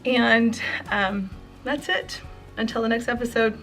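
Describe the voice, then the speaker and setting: A woman's voice: a little high, fairly even intonation, a little slow, fairly bright tone, faint music behind. A woman in her forties speaks earnestly to her viewers in a heartfelt home vlog, emotional and close to tears, full of thanks. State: near tears. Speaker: home and craft vlogger.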